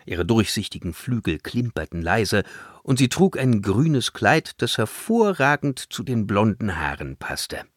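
A man's voice: lowish voice, dry recording, clean studio sound. A man reading a fantasy audiobook aloud as narrator. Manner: measured, expressive. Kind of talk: scripted narration.

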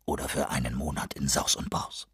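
A man voicing a gruff male soldier who speaks curtly and mutters. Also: a bass voice, level tone, brisk, a bit bright, dry recording, studio quality, voice pushed down, heavily acted.

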